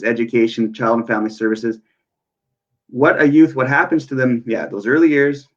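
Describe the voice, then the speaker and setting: A man's voice: mid-range voice, muffled recording. A man speaking as an interview guest about working with youth, explaining earnestly with frequent fillers. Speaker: guest, youth worker and parenting coach.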